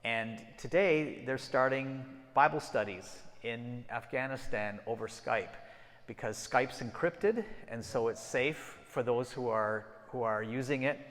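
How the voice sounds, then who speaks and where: In a church sanctuary with long hall reverb, a middle-aged man, the missionary guest speaker, gives a conversational mission talk to the congregation, often restarting his sentences. His voice is medium-pitched, a bit bright, and measured in pace. He comes from Ecuador and Peru.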